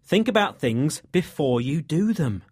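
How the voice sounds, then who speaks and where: A man's voice: fairly high pitch, big pitch swings, measured pace, darkish tone, breathy edge, no echo, clean studio sound. A man hosting a scripted English lesson, who explains phrases patiently in a mock-stern way. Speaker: host. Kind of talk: scripted language-lesson banter.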